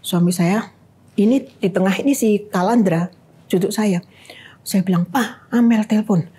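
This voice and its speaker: Woman, fifties, husky, dark tone, halting emotional testimony. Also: mid-range voice. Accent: Indonesian. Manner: halting, with pauses and restarts. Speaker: guest.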